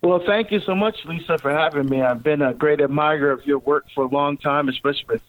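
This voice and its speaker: A man's voice: on the high side, fast. Man on a tinny phone line. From Barbados. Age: middle-aged. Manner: relaxed, chuckling often, many fillers. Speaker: deacon and guest speaker. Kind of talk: casual interview talk.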